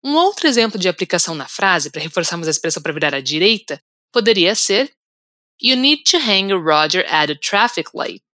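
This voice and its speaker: A Brazilian woman hosts an English-lesson podcast from a script. She repeats each word slowly and carefully for the listener to copy. Her voice is bright and forceful, and the recording is dry and close. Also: on the low side, big pitch swings, dry recording. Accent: Brazilian Portuguese. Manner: slow, deliberate repetition for learners. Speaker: English teacher, podcast host.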